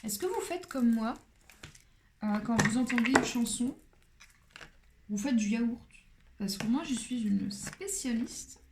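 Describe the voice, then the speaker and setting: A woman giving a casual tarot card reading. She talks in a chatty, playful way and often drops into soft whispered asides. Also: fairly high pitch, lively intonation, unhurried, pauses often, noisy background.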